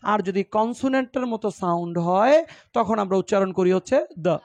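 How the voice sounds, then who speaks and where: A man's voice: high voice, expressive, normal speed, darkish tone, dry recording. A man from Bangladesh teaching an English grammar class with a Bangladeshi accent, explaining in Bengali mixed with English and quizzing his students. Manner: explains in Bengali, mixing in English words and example sentences; asks the class questions and repeats answers.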